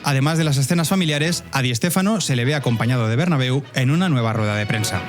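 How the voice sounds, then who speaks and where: Fast-talking Spanish man narrating a podcast. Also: mid-range voice. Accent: Spain. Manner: wry, addresses listeners directly. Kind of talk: scripted narrative storytelling, conversational asides. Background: faint music bed.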